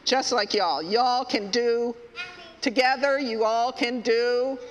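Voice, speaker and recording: A man leading a children's story time at a worship service, playful and halting, stopping to ask the children questions. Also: very high-pitched, a bit bright, lo-fi sound, slight background noise. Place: church sanctuary. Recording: echoey hall.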